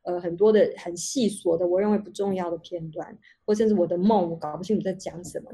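A woman's voice: on the low side, warm tone, slightly rough. A woman, a researcher speaking as a guest in an online panel talk over a video call, explaining at length with many restarts. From Taiwan.

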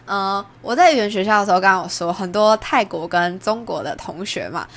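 A young woman from Taiwan with a Taiwanese Mandarin accent, hosting a podcast and chatting through a personal story, jumping up in pitch when she acts out what people said. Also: lively intonation, fairly quick. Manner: chatty, acts out quoted lines with big pitch jumps. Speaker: podcast host. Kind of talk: casual storytelling monologue.

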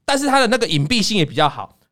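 Man, podcast host, animated storyteller, very lively pitch, high voice. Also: racing. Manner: animated storyteller, acts out scenes. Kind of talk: casual chat.

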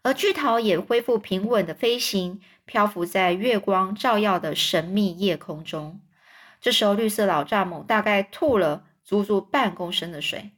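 A woman reads a children's storybook aloud in a gentle, plain voice. She often stops to explain words in simple terms for young listeners. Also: medium pitch, moderate pace. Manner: gentle, with fillers and restarts. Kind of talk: reading a children's book aloud.

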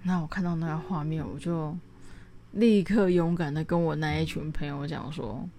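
A woman's voice: low-pitched, fairly even intonation, normal speed, dark tone, slight background noise. A woman talking alone in a casual late-night monologue, rambling through her stories with frequent restarts and English words mixed in. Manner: rambling, chatty storytelling with many restarts. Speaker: solo podcast host.

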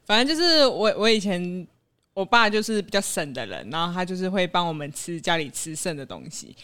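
A speaker telling a short family anecdote in a casual guessing game among friends, playful and soft when narrating. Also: mid-range voice, big pitch swings, brisk, clear, resonant tone. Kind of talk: casual chat, storytelling game.

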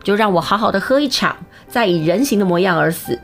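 A woman's voice: mid-range voice, expressive, quick pace, faint music behind. A woman voicing a thousand-year-old female fox spirit disguised as a maid, pleading and plaintive. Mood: sorrowful.

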